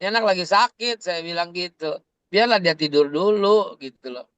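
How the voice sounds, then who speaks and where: A man co-hosting a religious talk, telling stories in a lively, slangy way and acting out quotes. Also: high voice, normal speed, clean tone, no room sound. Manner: animated storytelling, slangy, acts out quotes. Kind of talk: casual religious discussion.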